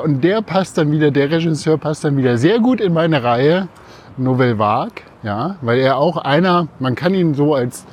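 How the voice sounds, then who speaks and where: A man co-hosting a podcast, explaining things casually while walking outdoors. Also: on the high side. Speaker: podcast co-host. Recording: faint outdoor ambient noise. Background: faint outdoor ambience.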